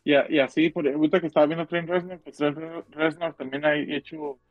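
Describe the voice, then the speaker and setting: A man's voice: fairly high pitch, little pitch movement, a little fast, dry recording, faint music behind. Rambling northern Mexican man, dull dry recording. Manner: rambling, repeats phrases. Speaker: podcast co-host. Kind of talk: casual slangy chat about films and music.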